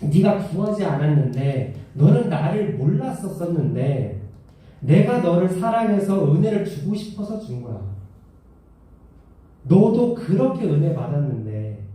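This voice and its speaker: God gently questioning in a man's retelling. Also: fairly high pitch, big pitch swings, unhurried. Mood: gently rebuking. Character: God, patient loving fatherly deity. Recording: echoey hall, mic far off.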